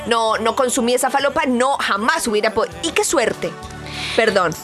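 Brief: Argentine woman co-host, exclamatory, laughing, very lively pitch, fairly high. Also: over music. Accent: Argentine Spanish. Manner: animated, exclamatory, quick to laugh. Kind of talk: joking casual chat.

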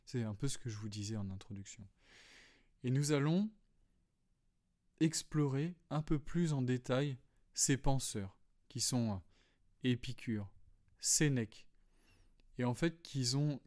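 A man hosting a solo podcast, calmly explaining philosophy, with frequent fillers and restarts. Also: mid-range voice, measured pace, long pauses. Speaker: podcast host. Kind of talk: reflective solo talk on philosophy.

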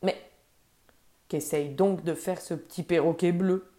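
A woman's voice: on the low side, steady tone, unhurried, mellow, close to an everyday voice. A woman voicing a group of gods who watch in disbelief and urge the bird to flee, in a storybook reading. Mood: incredulous. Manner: incredulous, urging. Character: group of doubting male gods.

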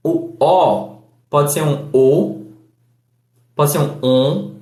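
A man with a Northeastern Brazilian accent, explaining a language lesson slowly and deliberately, spelling out each example. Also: a little high, a little mellow, reverberant. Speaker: language teacher.

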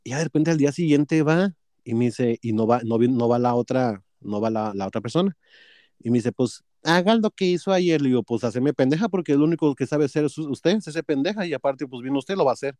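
A man's voice: medium pitch, quick pace, warm tone, no room sound, studio quality. A man with a Mexican accent telling a workplace story in casual chat, profane and gossipy, acting out both sides of a quarrel.

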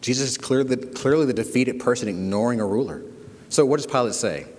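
A man's voice: mid-range voice, a little fast, long reverb tail. A man preaching a sermon as pastor, asking rhetorical questions and leaning hard on key words. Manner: preaching with rhetorical questions and sudden loud emphasis.

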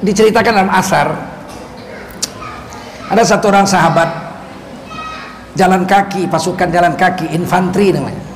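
A male Islamic preacher telling stories in a sermon, animated and joking as he goes. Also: sits high. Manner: animated storytelling with jokes. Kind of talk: sermon storytelling. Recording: echoey hall, faint background noise.

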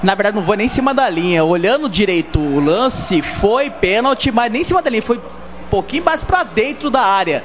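A man's voice: high voice, expressive, a little fast. A Brazilian man giving live match analysis as a football pundit on the radio. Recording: noisy live radio broadcast.

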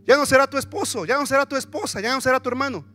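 Man, pastor, sermon, high bright voice, animated, church, faint music behind. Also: rapid-fire. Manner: animated, asks the congregation questions.

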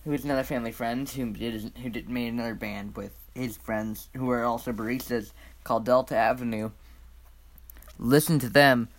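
A man's voice: mid-range voice, fairly even intonation, a little fast. A man co-hosting a casual podcast, rambling with many fillers and restarts, often breaking into laughter. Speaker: podcast co-host. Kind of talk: casual chat.

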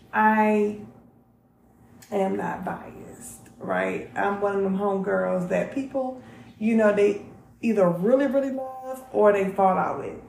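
A woman's voice: medium pitch, creaky, darkish tone, echoey room, slight background noise, low-quality recording. A woman, chatting candidly to camera in a casual vlog and swearing freely. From North Carolina. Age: 30s. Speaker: vlog host.

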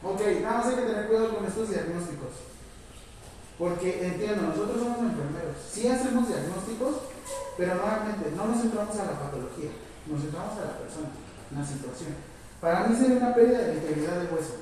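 Coaching nursing instructor, mellow voice, heard from across a big echoing room. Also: mid-range voice, expressive, fast. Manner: coaching, asks questions, urges energy. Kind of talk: hands-on first aid class. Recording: echoey hall, far from mic, faint room noise.

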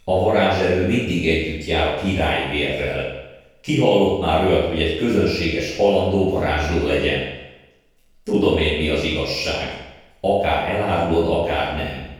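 A man voicing a proud, cruel witch queen who speaks in a haughty, commanding way, with a heavy echo effect on the voice. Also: low-pitched. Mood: scheming. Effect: heavy echo reverb on the voice. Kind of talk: audiobook character voice. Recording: strong added echo, faint music.

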